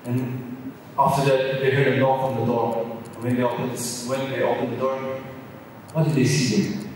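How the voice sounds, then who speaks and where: A man's voice: medium pitch, level tone, moderate pace, darkish tone, a little hiss or hum. A man telling a folk tale at a college fest, repeating words and restarting for drama. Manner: repetitive, dramatic, many restarts. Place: large hall at a college event. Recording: echoey hall, mic far off.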